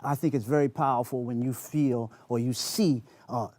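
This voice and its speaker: A man's voice: mid-range voice, steady tone, normal speed, a little mellow, no echo. A man speaking as an interview guest, earnest and emphatic, repeating phrases to drive points home. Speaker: interview guest, spoken word performer. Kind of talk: conversational interview talk.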